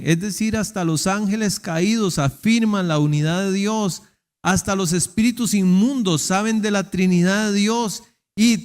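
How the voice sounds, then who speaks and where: A male pastor delivering an emphatic sermon, acting out quoted voices. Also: high-pitched. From Costa Rica. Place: church sanctuary. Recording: long church reverb.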